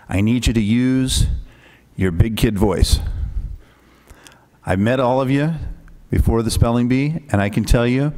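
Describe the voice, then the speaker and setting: A man's voice: mid-range voice, darkish tone. A man acting as pronouncer who patiently explains the rules to young spellers before a spelling bee, speaking into a microphone and often checking in with "okay?".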